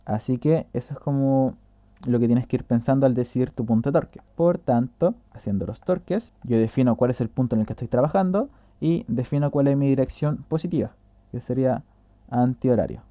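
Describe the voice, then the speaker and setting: A man's voice: medium pitch, fairly quick, no echo, narrow, tinny audio. A man explaining a tutorial in a casual way, walking through a drawing step by step and correcting himself as he goes.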